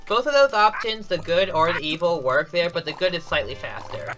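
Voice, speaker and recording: Over game music, a man live-commentates his own speedrun in a brisk, somewhat high voice. He explains each step casually, often restarting sentences and correcting himself, with light chuckles.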